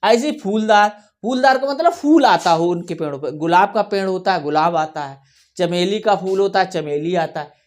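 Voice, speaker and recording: A woman teaching a children's workbook lesson, reading words slowly and repeating them for the class to follow, often checking in as she goes. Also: lowish voice, lively intonation, a little mellow. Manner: slow, repeats words for children to read along; checks in often with "theek hai". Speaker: primary school teacher.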